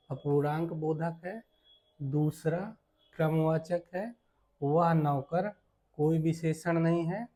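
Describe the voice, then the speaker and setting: A male Hindi teacher runs an exam-prep lesson, solving multiple-choice questions at a very slow, deliberate pace. His voice is slightly high yet dark and mellow, and he repeats each question twice before answering it himself. He keeps checking in with "theek hai" (ठीक है).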